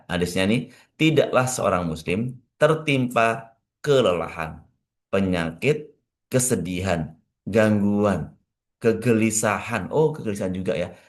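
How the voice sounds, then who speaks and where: A man giving a morning religious study talk as a preacher, speaking conversationally to his listeners and emphatic and repetitive, with wide swings in pitch. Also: a little mellow. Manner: conversational, addressing listeners directly. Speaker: Islamic preacher.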